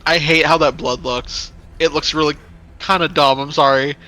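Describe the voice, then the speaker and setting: Bright-voiced young man telling stories. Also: a little high, moderate pace. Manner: animated, profane, laughing storyteller. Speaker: let's play host. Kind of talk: casual storytelling while gaming.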